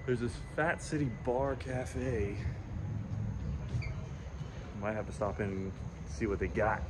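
A man's voice: on the low side, slow pace. A man chatting casually to viewers in a travel vlog as he walks around a city outdoors, talking into a handheld camera. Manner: chatty, talks to viewers while walking around town. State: out of breath after jogging. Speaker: vlogger. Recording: loud street and traffic noise.

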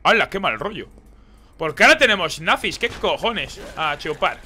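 A man doing live gameplay commentary as a streamer, excitable and swearing as he reacts to the game. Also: high voice, normal speed, faint music behind. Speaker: gaming streamer.

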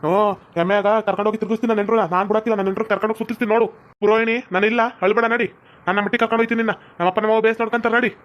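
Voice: mid-range voice, level tone, rapid-fire, natural voice. A performer voicing a blunt young village man who protects the cross-dressing husband, on a lo-fi recording. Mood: gruff.

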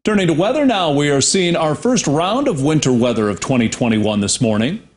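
A male news anchor reading scripted local news in a steady, measured way. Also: fairly high pitch.

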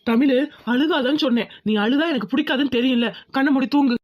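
A woman's voice: sits high, steady tone, fast, highs cut off. A woman voicing a young village groom in a cartoon, soothing but firm and insistent. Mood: reassuring. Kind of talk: cartoon voice acting.

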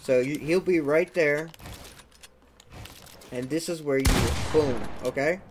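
A young man giving a casual gameplay walkthrough as the channel's creator, chatty, often checking in with "okay?" and adding "boom" sound effects. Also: slow pace, a little hiss or hum. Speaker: gaming tutorial creator.

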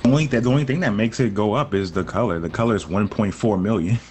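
A man's voice: on the low side, fast, darkish tone, faint music behind. A man trading playful banter with friends while playing a video game. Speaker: gamer. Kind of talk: casual gaming chat.

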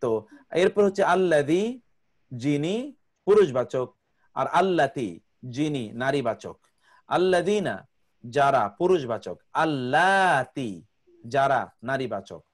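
A man's voice: medium pitch, lively intonation, unhurried, long pauses. A man teaching an online grammar class, patiently repeating word lists for students to memorize.

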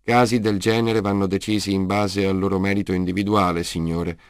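A man voicing a male robot servant in an audiobook, who speaks quietly in short, clipped, respectful answers. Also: deep voice, little pitch movement, a little fast, no echo, studio quality. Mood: deferential. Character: soft-spoken male metal robot servant, deferential. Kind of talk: audiobook character reading.

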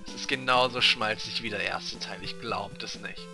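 A man's voice: fairly low pitch, fairly even intonation, moderate pace, creaky. A man playing a video game and commenting on it, sarcastic and mocking. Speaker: let's player. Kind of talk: gameplay commentary. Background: game music.

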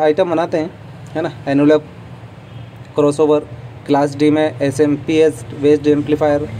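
A man with a slightly high, mellow voice chats to his viewers as he tours an expo stall, giving blunt opinions along the way. He is recorded on a handheld phone. Faint hall noise stays under his voice. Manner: chatty, addresses viewers as friends, opinionated asides. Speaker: vlogger touring a trade show stall. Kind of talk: casual walkthrough vlog. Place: busy indoor trade show hall. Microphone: phone camera held while walking.

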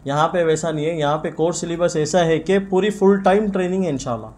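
Earnest young shop owner. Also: male voice, fairly high pitch, fast, darkish tone. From India. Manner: earnest, frequent religious blessings. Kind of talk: press interview. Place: indoor shop in front of press mics. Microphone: bunch of press mics on table.

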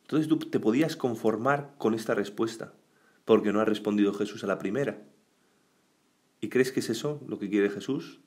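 A priest giving a weekday homily in a conversational way, often adding tag questions and acting out the voices of the people in the story. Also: male voice, lowish voice, moderate pace, darkish tone.

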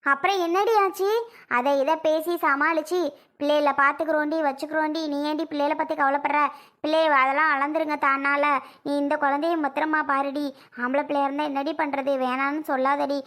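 A performer playing a talkative fretful mother, very high-pitched, sharp bright tone, family skit. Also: flat delivery, a little fast. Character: chatty worried middle-aged mother.

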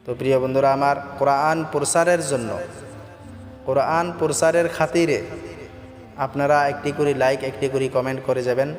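A man teaching Quran recitation, chanting each verse slowly and then explaining how to pronounce it. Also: medium pitch, fairly even intonation. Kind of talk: slow Quran recitation lesson. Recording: echoey room with long reverb, faint music.

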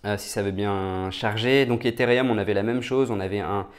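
A man talks his viewers through market charts in a loose, off-the-cuff way. His voice sits fairly low, and he peppers it with fillers and quick "okay?" check-ins as he goes. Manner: many fillers and restarts, asks "d'accord?" often. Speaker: crypto market analyst. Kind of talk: casual screen-share chart analysis.

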